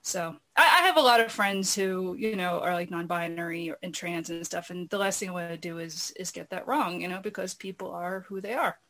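A woman's voice: fairly low pitch, fairly quick, few pauses, bright, forceful tone. A woman chatting casually and discursively, often padding her thoughts with "you know". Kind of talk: casual chat.

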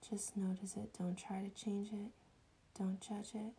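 A woman guides a meditation in a soft, breathy voice that often drops to a whisper, soothing and hushed like at a spa, with long pauses. Her voice is mid-range and her tone level.

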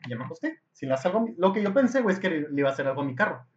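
A man's voice: fairly high pitch, racing, slight background noise. A young man with a Mexican Spanish accent tells a story in casual chat, full of crude slang. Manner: animated, crude slang, acts out voices in his story. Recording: echoey room, dull lo-fi sound.

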